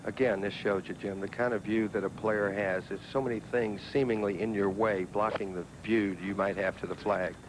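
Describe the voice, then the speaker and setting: A man's voice: on the low side, fairly even intonation, moderate pace, hardly any pauses. A man giving conversational golf commentary as an analyst alongside a lead announcer. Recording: noisy outdoor broadcast, vehicle and ambient sound.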